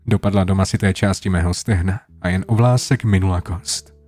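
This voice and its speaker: A man narrating a horror story in a low, hushed storytelling manner, over soft guitar music. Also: steady tone, dry recording. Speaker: creepypasta narrator.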